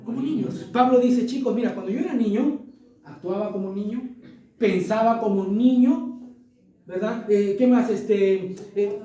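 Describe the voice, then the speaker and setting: A pastor delivers an animated sermon in a strikingly high, mellow voice, acting out the voices of a child and churchgoers. He sounds a little distant from the mic, and the church hall around him is very echoey. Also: unhurried.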